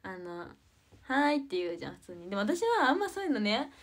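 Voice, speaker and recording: A teenage girl with a soft, quiet voice, chatting casually on a livestream, rambling with many fillers and giggles. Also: mid-range voice, very animated, quick pace. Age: teens. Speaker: idol livestreamer.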